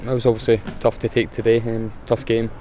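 A young Scottish footballer answers post-match questions outdoors in a matter-of-fact way, his pitch staying flat and even. Faint traffic and outdoor noise sit behind his voice. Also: fairly quick. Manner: plain, matter-of-fact, restarts with fillers. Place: outdoors in front of a sponsor board.

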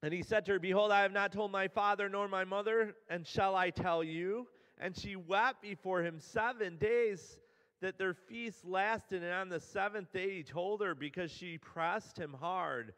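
A man's voice: high voice, unhurried, a bit bright. A man preaching a sermon as pastor, retelling the story in a casual, conversational way. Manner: casual storytelling, paraphrasing characters in everyday speech. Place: church sanctuary. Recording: church hall with long reverb.

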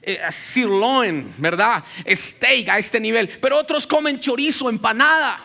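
A male pastor preaching a sermon to a congregation, moving between loud, rising exhortation and hushed storytelling, with humorous asides. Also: extremely high pitch, unhurried, creaky.

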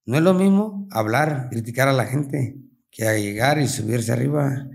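A man with a Mexican accent, a bull rider talking casually in an interview, telling stories in animated, slang-filled speech. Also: mid-range voice, moderate pace, creaky. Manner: colloquial, animated storytelling with slang.

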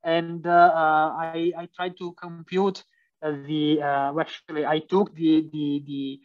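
A man's voice: a little high, flat delivery, unhurried. A young man with an Italian accent, a PhD student giving a university lecture, hesitant with many fillers and restarts. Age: young adult. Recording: distant, dull lo-fi sound.

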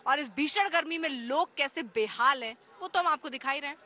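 High-voiced woman reporting from a street. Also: fairly quick, pushed and bright. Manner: playful, teasing questions. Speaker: field reporter. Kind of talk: street interviews for TV news. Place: outdoors on a busy city street. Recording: noisy street crowd behind. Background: street crowd.

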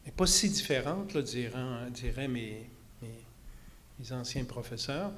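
A man's voice: medium pitch, unhurried, fairly bright tone, a little hiss or hum. Hesitant grandfatherly man with a handheld mic. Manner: rambling, self-deprecating, many hesitations. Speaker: pediatrician and panel speaker. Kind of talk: panel conversation. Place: conference stage.

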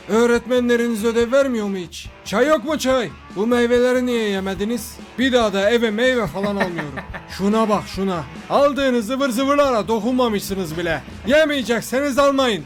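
A man's voice: extremely high pitch, moderate pace, few pauses. A man voicing a grumpy, bossy Turkish father in a comedy cartoon, scolding and blustering. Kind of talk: comedy animation sketch. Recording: music behind the voice.

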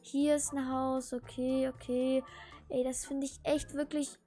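A woman voicing an excitable, whiny thirteen-year-old boy who talks in exclamatory slang in a Minecraft role-play video. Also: high-pitched, measured pace, faint music behind. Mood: puzzled.

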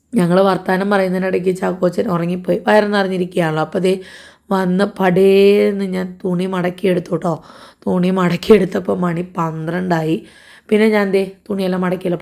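A young woman with a hoarse voice and a blocked nose, narrating her day in a casual family vlog. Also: fairly low pitch, warm tone. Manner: chatty, rambling daily-life narration. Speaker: family vlogger.

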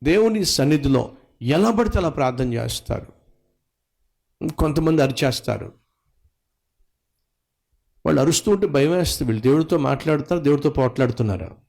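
Gravelly-voiced preaching man. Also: animated, a little mellow. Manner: dramatic preaching with rhetorical questions and repetition; sweeping pitch swings and drawn-out stressed words. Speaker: pastor. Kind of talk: sermon.

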